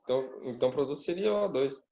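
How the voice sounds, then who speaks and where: A man's voice: mid-range voice, lively intonation, rapid-fire, gravelly, warm tone. A male student on an online call whose audio keeps breaking up, answering hesitantly as he works it out aloud. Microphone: video call. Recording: muffled noisy online call.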